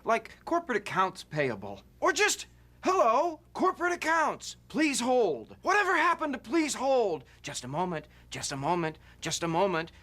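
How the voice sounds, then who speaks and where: Exasperated coworker, pleading, animated pitch. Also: male voice, normal speed, full character voice. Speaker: office worker. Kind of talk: film comedy acting.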